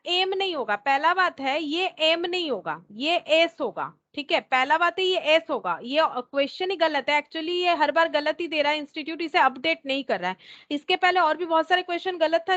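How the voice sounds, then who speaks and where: A woman teacher with a high voice walks through a problem, repeating each step as she thinks it out. She slips English terms into her explanation. The recording sounds a little dull and lo-fi. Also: sharp tone. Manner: mixes English terms into Hindi. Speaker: reasoning teacher. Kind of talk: explaining a test question.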